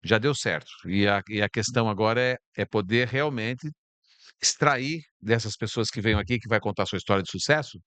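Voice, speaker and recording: This is casual chat from a Brazilian man appearing as a podcast guest on a bar stage. He is calm, reflective and spiritual, and he tends to repeat words while hunting for them; his voice is lowish and slightly quick, with no echo.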